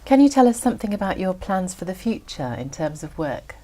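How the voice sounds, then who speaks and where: A woman examiner reading scripted exam instructions in a formal, measured way. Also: lowish voice, sing-song, mellow.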